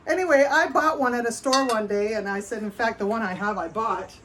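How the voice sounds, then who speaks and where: On a livestream with noticeable background noise, a Canadian-accented woman potter does a chatty, rambling show-and-tell. Her voice is a little high and brisk, and she often stops partway through sentences.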